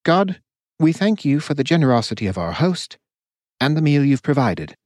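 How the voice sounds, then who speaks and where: A man voicing an earnest young monk, raised pitch. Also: very animated, normal speed, a little mellow, no echo. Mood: reverent. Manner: formal, reverent.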